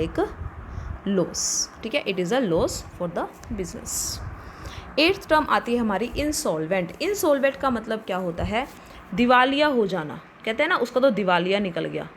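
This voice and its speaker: A woman's voice: fairly high pitch, a little hiss or hum. A woman teaching a commerce lesson, explaining step by step and answering her own questions. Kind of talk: classroom lecture.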